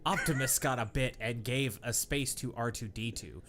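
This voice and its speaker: Reading bad fan fiction aloud on a podcast, a man with a medium, slightly bright voice speaks at normal speed over a little hiss or hum. He stumbles through the clumsy writing, cracks up and throws in incredulous, mocking remarks.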